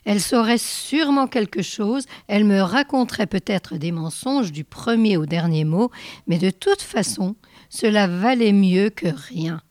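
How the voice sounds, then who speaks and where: A woman reading a short story aloud in a measured narrating voice with careful pauses. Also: medium pitch, darkish tone, dry recording, studio quality. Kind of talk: read-aloud literary narration.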